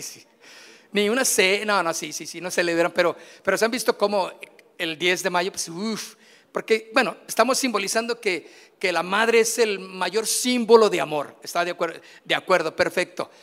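A middle-aged Mexican pastor with a fairly high voice gives a sermon in a casual, chatty way. He keeps throwing questions at his congregation and slips in jokes. The sound carries a long reverb from the church hall. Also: gravelly, fairly bright tone. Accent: Mexican Spanish.

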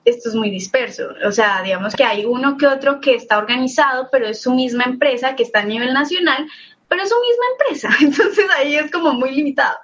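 A woman's voice: sits high, fast talker, highs cut off, slight background noise. A young Colombian woman, an interview guest, talking frankly and casually, laughing often and filling her speech with fillers. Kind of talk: candid casual storytelling.

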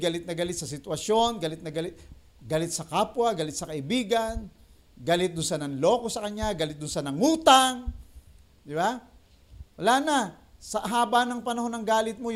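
A man with a Filipino accent preaching a livestream sermon in a mix of languages, slowing down to repeat key lines for emphasis. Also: high voice. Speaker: pastor.

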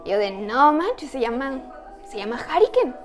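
This woman, co-hosting a podcast, has a Mexican Spanish accent and chats casually, telling stories in a slangy way. Her voice sits high with big pitch swings at normal speed, and faint music plays behind her.

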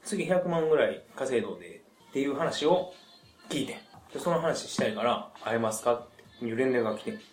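A man's voice: mid-range voice, animated, brisk, slight background noise. A man with a Kansai Japanese accent, chatting casually in a loose, tipsy drunken way. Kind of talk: casual chat. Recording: echoey room with music. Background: music.

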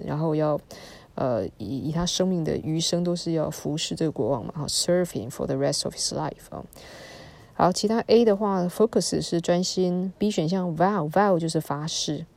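A woman's voice: sits low, gravelly, darkish tone, dry recording. A woman, an English teacher going through vocabulary test answers in a chatty way and spelling words letter by letter.

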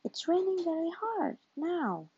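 A woman voicing a calm, patient father pig in a storybook reading, in a plain, patient manner, on a dull lo-fi recording. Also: very high-pitched, measured pace, no echo, pitched above the performer's own voice, full character voice.

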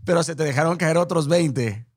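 A man's voice: fairly high pitch, normal speed, husky, no echo, studio quality. A man with a Mexican accent hosting an interview, asking casual questions with slang. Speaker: podcast host.

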